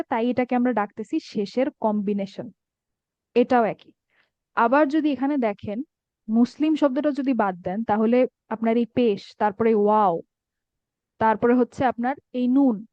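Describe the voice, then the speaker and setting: With a fairly high pitch, a woman teaches Arabic grammar online, checking often and patiently that everyone follows. Her recording comes across dry, dull, and lo-fi.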